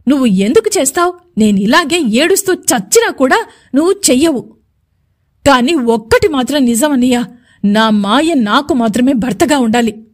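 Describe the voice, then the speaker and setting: A woman putting on a stubborn, resentful young woman. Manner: taunting, shrill complaints.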